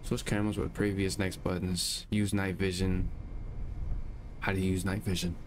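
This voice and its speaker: A man's voice: deep voice, level tone, moderate pace, a little hiss or hum. A man giving casual let's-play commentary, joking, swearing, and talking to himself while playing. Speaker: gaming YouTuber.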